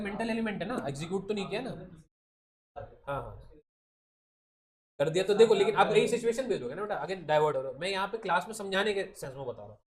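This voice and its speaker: Fast-talking Indian man teaching law in class. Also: high voice, slight background noise. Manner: joking, animated, addresses students as beta, many tag questions like thik hai. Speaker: law entrance coaching teacher. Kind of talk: classroom lecture in Hindi mixed with English legal terms. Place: classroom with students.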